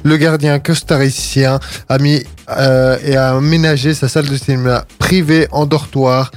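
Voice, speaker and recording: A man's voice: mid-range voice, flat delivery, normal speed. A man reading short sports news items fluently on a radio show. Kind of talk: read sports briefs.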